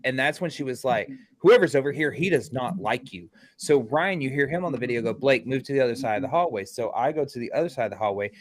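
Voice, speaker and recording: A man of middle pitch tells a ghost-hunting story as a guest in a casual interview. He talks with energy and does the voices of the people he quotes. He sounds like an ordinary speaker, not a trained announcer. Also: fast talker, few pauses. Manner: animated, acts out quotes. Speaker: paranormal investigator.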